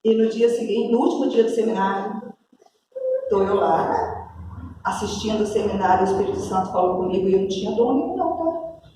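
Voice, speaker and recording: A Brazilian woman pastor preaching a sermon, telling a story with lively acted-out dialogue. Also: mid-range voice, a little fast, long pauses, noisy background. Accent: Brazilian Portuguese. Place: church hall. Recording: echoey church hall, distant mic.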